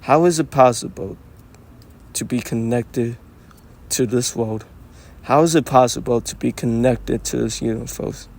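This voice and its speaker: Slow, rambling man musing to himself. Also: medium pitch, creaky, a little mellow. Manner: rambling and musing, with frequent swearing and restarts. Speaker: vlogger talking to himself. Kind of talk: casual unscripted monologue.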